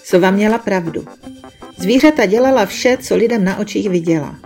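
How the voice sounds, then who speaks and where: A woman reading a storybook tale aloud with calm, measured narration. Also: medium pitch, soft background music.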